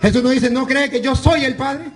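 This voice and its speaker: High-voiced priest arguing scripture. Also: male voice, normal speed. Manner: insistent, argumentative, reads scripture aloud. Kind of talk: heated religious debate.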